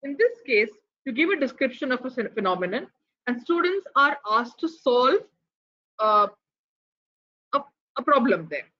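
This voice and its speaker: A woman with an Indian English accent lectures on pathology in an explanatory tone, often asking questions to the class. Her voice sits a bit high. The online recording sounds dull and muffled. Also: sing-song, moderate pace, pauses often, pushed and bright. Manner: explanatory, poses rhetorical questions, some restarts. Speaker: pathology lecturer giving a keynote.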